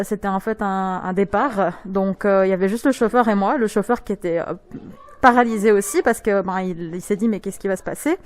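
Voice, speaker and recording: A woman speaks in a mid-range voice, giving an unscripted first-person testimony. Her delivery is halting, with hesitations and repeated small words as she searches for how to put things. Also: mid-range voice, darkish tone. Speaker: witness giving an anonymous testimony.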